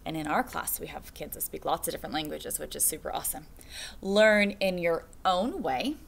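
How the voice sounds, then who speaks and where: A teacher in her thirties reads a picture book aloud to young children in a classroom, using a slow, sing-song storytime delivery in a deep, creaky voice. She's recorded on a webcam at her desk.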